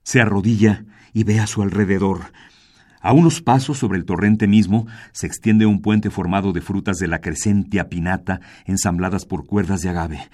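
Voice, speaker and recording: A man's voice: low-pitched, moderate pace, warm tone. A man with a Mexican Spanish accent narrating a dramatic story in a varied, theatrical reading.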